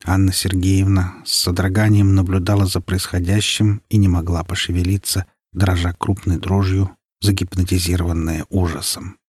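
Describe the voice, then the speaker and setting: A man narrating an audiobook in a measured, ominous storytelling manner. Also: sits low, a little mellow, husky, no echo, studio quality.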